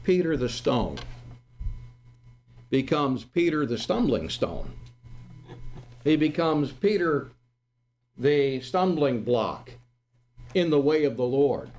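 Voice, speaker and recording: A man's voice: on the high side, a little mellow. A man preaching an expository sermon, quoting old-fashioned scripture verses and asking rhetorical questions. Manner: quotes King James verses, rising dramatically on quotes.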